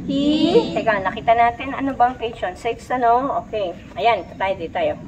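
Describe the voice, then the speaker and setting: High-voiced Filipino woman tutoring a class. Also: background noise. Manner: reads English slowly, then explains in Filipino with quick questions. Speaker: reading tutor. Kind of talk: bilingual reading lesson for children. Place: classroom with children responding.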